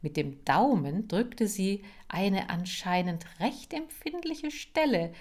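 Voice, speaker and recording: A woman narrating a children's audiobook in an expressive storytelling manner. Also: mid-range voice, takes it slowly. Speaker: audiobook reader.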